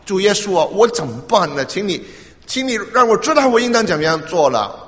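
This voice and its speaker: An earnest young student prays through tears, torn between his father and his calling, as a preaching man acts him out. His pitch moves in lively arcs, and the sound is muffled, with the tail of a big hall behind it. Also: fairly quick. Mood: pleading. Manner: pleading, tearful prayer. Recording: echoey hall, dull lo-fi sound.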